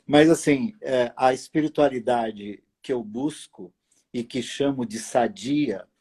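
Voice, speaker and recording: A man hosting a late-night live video chat from his apartment, speaking slowly and deliberately with long pauses and fillers. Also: medium pitch, a little mellow, slightly rough. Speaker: host. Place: apartment at home.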